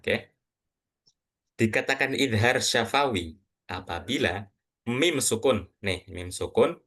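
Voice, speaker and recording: Man, Quran reading teacher, low voice, patient, asks questions, slow recitation. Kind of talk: online class teaching.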